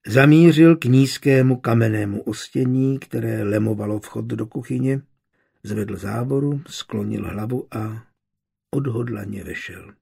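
A man narrating a novel as an audiobook, reading in a measured, steady way with a gravelly, husky voice. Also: medium pitch.

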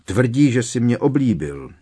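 A man's voice: medium pitch, big pitch swings, mellow, breathy edge, pitched above the performer's own voice. A man voicing a teenage wizard boy who answers in a plain, earnest way.

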